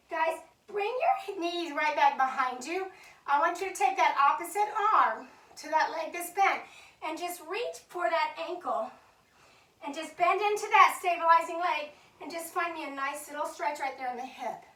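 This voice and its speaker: A woman's voice: high voice, sharp tone. A woman instructor leading a Pilates chair class, counting reps and encouraging the group, a little out of breath. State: slightly out of breath. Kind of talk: live fitness class cueing. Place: fitness studio. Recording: echoey studio from far off.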